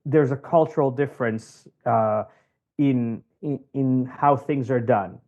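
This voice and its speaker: Slow-paced and mid-range, this man's voice comes through with phone-quality sound. Raised in Cameroon and Ivory Coast in West Africa, he is a job interview coach on a podcast, explaining advice conversationally with examples and emphatic repeated phrases.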